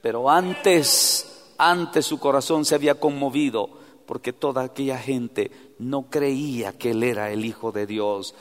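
A man preaching a sermon who moves from hushed, near-whispered asides to loud, fervent exhortation and calls his listeners brother. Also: medium pitch, unhurried. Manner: addresses listeners directly as brother. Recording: long hall reverb.

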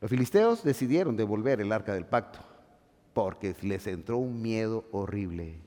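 A man preaching a sermon as pastor, swinging from shouting to hushed asides. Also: lowish voice, expressive, normal speed. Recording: long hall reverb.

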